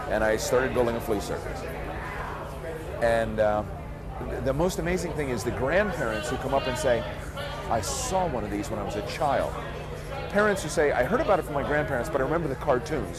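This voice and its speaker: Guy chatting in an interview, earnest storyteller type, outside w/ crowd noise behind. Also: on the low side. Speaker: flea circus showman. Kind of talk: casual interview answers. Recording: outdoor recording amid crowd chatter. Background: crowd and street noise outdoors.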